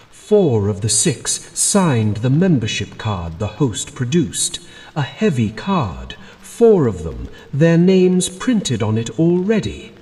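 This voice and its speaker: A man narrating a scripted horror story in a deliberate, dramatic manner, in short, measured phrases. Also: medium pitch, mellow. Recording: long hall-like reverb.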